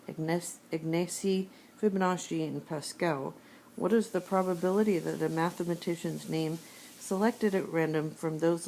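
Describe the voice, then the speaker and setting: Low mellow-voiced woman teaching math. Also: slight background noise. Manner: steady step-by-step explaining, thinking aloud. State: sore throat. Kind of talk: screencast math lesson. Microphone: tablet screencast recording.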